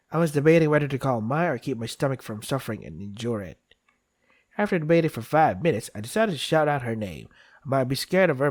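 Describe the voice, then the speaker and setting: A man's voice: mid-range voice, no room sound, clean studio sound. A man reading visual novel text aloud for a playthrough, acting out lines and dropping in casual joking asides. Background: game music.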